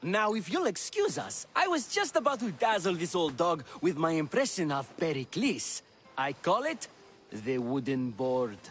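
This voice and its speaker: A man's voice: on the high side, wildly swooping pitch, moderate pace, a bit bright, a little hiss or hum. An actor playing a teasing, theatrical male comic playwright in a video game. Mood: mocking. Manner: teasing, theatrical, loves his own jokes. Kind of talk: video game character dialogue.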